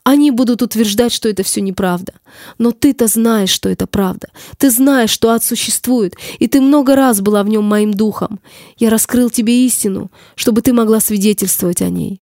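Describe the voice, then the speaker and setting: A woman's voice: a little high, normal speed, warm tone, dry recording, studio quality, close to an everyday voice. Woman reading as solemn Jesus. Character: Jesus, calm grave male savior speaking. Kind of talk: audiobook reading.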